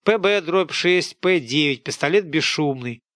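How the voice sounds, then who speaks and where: A man voicing a calm, wry adult mercenary who talks in an easygoing, mildly mocking way. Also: fairly high pitch, a little slow, no room sound, studio quality, voice pushed up.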